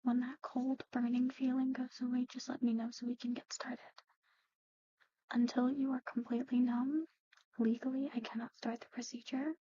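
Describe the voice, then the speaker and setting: A woman whispers through an ASMR medical roleplay, softly explaining procedures in a breathy, unhurried, hushed voice. Her pitch is slightly high with little movement, and the slightly muffled recording has a faint hiss or hum.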